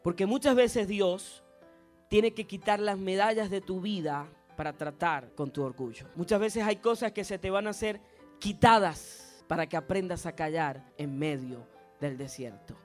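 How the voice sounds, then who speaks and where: High-voiced preacher man. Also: measured pace, soft background music. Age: adult, past university. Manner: dramatic storytelling, building to loud impassioned preaching. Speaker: pastor. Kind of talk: sermon.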